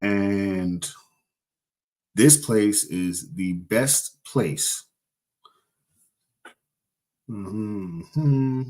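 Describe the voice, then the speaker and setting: A man's voice: on the low side, very slow, pauses often, darkish tone. A young man casually chatting on a livestream, rambling and joking as he corrects himself mid-sentence. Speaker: livestream host.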